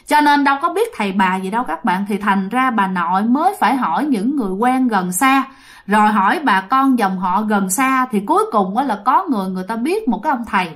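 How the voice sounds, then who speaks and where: A woman's voice: a little high, a little fast. A woman with a Southern Vietnamese accent telling a ghost story, speaking straight to her listeners. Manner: lively, addresses listeners directly.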